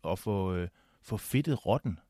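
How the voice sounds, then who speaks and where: A man in a casual film discussion, talking in lively quick asides. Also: fairly low pitch, no room sound, studio quality.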